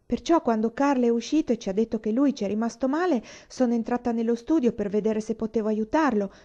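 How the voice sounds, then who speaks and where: A woman's voice: on the high side, fast talker, warm tone, dull audio, natural voice. A woman voicing a timid, tearful little girl who pleads earnestly in an audiobook reading. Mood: pleading. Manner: earnest, imploring, stammering.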